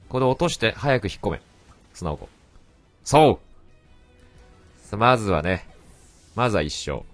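A man giving casual, excitable commentary over his own gameplay and often shouting back at the game. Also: lowish voice, no room sound. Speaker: let's play commentator. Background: faint game music.

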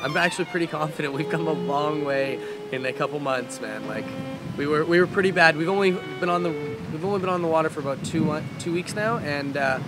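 A man's voice: on the high side, brisk. A young man from Canada speaking in a casual documentary interview about his dragon boat team, recorded outdoors at night on a lapel mic. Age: young adult. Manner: casual, easygoing, says "man" and "like". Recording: music playing underneath.

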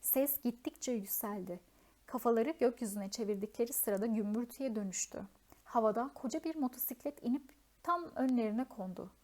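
A woman's voice: on the high side, moderate pace, a little mellow. A woman narrating a children's fantasy novel as an audiobook, reading steadily and expressively with a few small slips. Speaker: audiobook reader.

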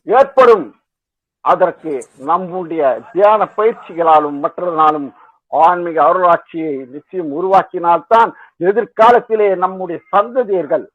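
A man giving a spiritual talk, rising into emphatic, repeated phrases and restarting words as he goes. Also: high voice. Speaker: spiritual speaker. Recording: tinny phone-line sound.

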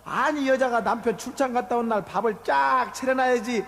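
A man's voice: very high voice, fairly quick, vocal fry, a bit bright. A man with a playing a blustering, grumbling husband in a staged comedy sketch. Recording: reverberant tape recording with faint music.

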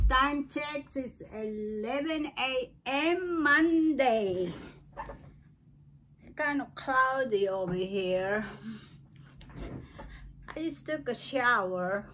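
A woman in her seventies giving an unscripted beauty tutorial at home, speaking slowly and often searching for words. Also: medium pitch, a bit bright. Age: 70s. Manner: slow, searching for words, non-native phrasing. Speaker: craft and beauty vlogger. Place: cluttered living room at home.

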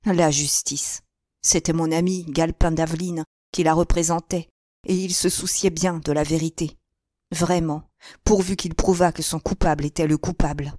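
A proud young man in anguish over a false accusation, voiced by a woman reading an audiobook. The delivery is bitter and pained, in a lower, dry voice. It stays close to her plain reading voice. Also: fairly even intonation, moderate pace, dark tone, no echo.

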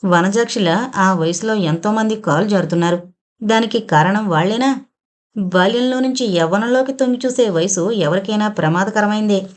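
A woman narrating an audio novel in the first person, in a steady, measured way. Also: medium pitch.

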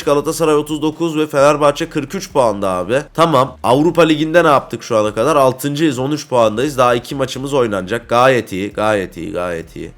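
Excitable young man commenting on a game. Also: on the high side. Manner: excitable, quick to anger, chatty with viewers. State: just woke up. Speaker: gaming YouTuber. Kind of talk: casual gameplay commentary.

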